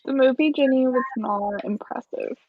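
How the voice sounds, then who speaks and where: A woman's voice: sits high, moderate pace, no room sound. A woman co-hosting a casual chat game among friends, recorded on slightly muffled audio.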